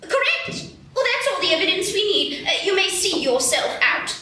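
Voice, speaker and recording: A woman's voice: extremely high pitch, big pitch swings, normal speed, sharp tone, full character voice. A woman voicing a bossy, imperious queen in a live radio play, with a haughty, theatrical manner. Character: bossy, imperious female queen, quick to threaten. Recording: echoey stage from a distance, faint noise.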